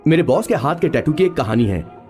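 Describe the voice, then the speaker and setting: A man's voice: on the high side, big pitch swings, brisk, music in the background. An actor dubbing a chatty young male sidekick who narrates about his boss in a fumbling, talkative way. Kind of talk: dubbed film narration.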